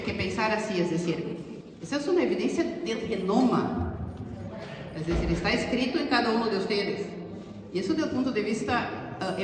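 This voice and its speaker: Researcher explaining results to a community, mid-pitched, rephrases constantly, far off in a big reverberant hall. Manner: explanatory, many restarts and fillers like "o sea" and "es decir". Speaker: researcher presenting study results. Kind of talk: informal public talk to a community audience. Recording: echoey hall heard from far off, faint noise.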